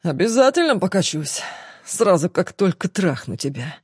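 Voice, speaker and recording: A woman voicing an arrogant young man in an audiobook, speaking low, quiet and mocking. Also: very animated, normal speed, breathy edge, no room sound, studio quality.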